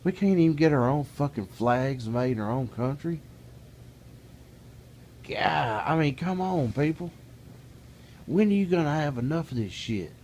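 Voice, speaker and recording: A middle-aged vlogger talks casually to the camera in a plainspoken, folksy manner, his monologue building into an exasperated rant. His voice is fairly high and a little mellow, animated yet a little slow, with frequent pauses. Slight background noise runs underneath.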